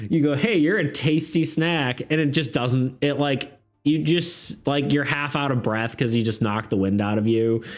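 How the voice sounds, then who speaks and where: A man's voice: medium pitch, steady tone, moderate pace, few pauses. A man running a tabletop game on a live stream, rambling casually, laughing often and asking his chat for ideas. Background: faint background music.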